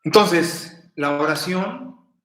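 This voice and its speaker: A middle-aged man with a Mexican accent preaching a sermon in a folksy, storytelling way, with sudden bursts of loud emphasis. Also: high voice, expressive, very slow. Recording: roomy echo.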